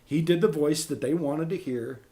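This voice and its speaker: A man with a somewhat high voice hosts a relaxed talk show. He tells stories in an animated way and acts out the lines people said to him. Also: moderate pace. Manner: animated storyteller, acts out quotes. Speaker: podcast host and voice actor. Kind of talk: casual chat.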